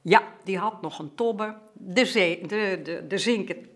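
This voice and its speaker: An older woman slowly and lively telling a childhood memory, with many small hesitations. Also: medium pitch. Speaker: storyteller.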